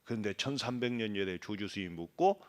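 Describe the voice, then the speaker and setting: With a lowish voice, lively intonation, and a slightly fast pace, a middle-aged monk gives a dharma talk. He questions his audience, does impressions of regional dialects, and shifts between booming emphasis and quiet asides.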